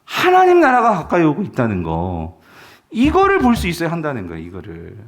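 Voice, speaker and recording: Animated high-pitched male pastor preaching. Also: brisk. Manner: animated, questioning the congregation. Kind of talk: sermon. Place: church sanctuary.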